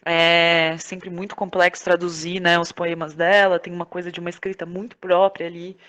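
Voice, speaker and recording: In a casual interview conversation, a woman with a Brazilian Portuguese accent chats informally and effusively as a podcast guest; she is a playwright, actress and director. Her voice is fairly low and fairly bright, with a level tone and a moderate pace.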